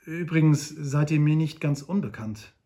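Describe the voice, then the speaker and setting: A man's voice: fairly high pitch, moderate pace, mellow, lightly acted. A man voicing a great hunter who speaks firmly and with command in an audiobook. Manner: firm, commanding. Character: great commanding male hunter, calm and firm.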